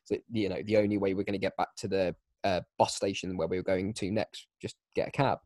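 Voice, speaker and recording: Animated young man telling a story. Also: sits low, brisk, no room sound. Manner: animated, self-mocking. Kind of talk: casual anecdote telling.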